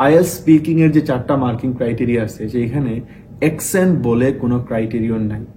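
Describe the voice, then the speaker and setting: A man's voice: mid-range voice, fast talker, noisy background. A young man teaching IELTS speaking tips, explaining in Bengali mixed with English and repeating key points. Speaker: IELTS tutor. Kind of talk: tips video lesson.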